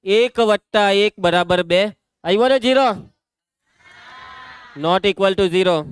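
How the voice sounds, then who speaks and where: A man's voice: high voice, slow, smooth. A man with a Gujarati accent teaching a maths class, calling out students by name and teasing them. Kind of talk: classroom lesson.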